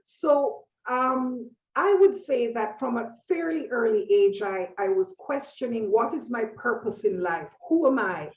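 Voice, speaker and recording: A woman around sixty from Jamaica, a painter and author speaking as an interview guest, reflective and thoughtful, often pausing with fillers as she tells her story. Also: a little high, lively intonation, darkish tone. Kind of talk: conversational interview. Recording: echoey, distant, dull sound.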